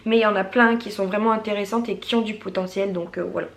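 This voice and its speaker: A woman's voice: medium pitch, steady tone, fast, echoey room. A woman vlogger casually reviewing her makeup collection, chatty, with many fillers and restarts. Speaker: beauty vlogger.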